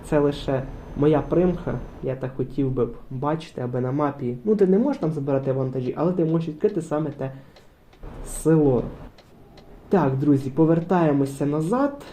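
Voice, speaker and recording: Man, rambling game commentary, very dark voice, slightly raised pitch. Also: a little fast, a little hiss or hum. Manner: rambling, chatty, many fillers. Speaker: gaming channel host. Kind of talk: casual let's-play commentary.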